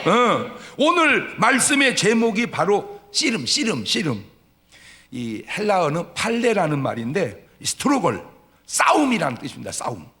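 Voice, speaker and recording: A man preaching a lively Sunday sermon as pastor, telling stories with acted-out dialogue and swinging from loud shouts to quiet asides. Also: sits high. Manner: humorous storytelling with acted-out dialogue. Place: church sanctuary. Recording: long hall reverb of a church.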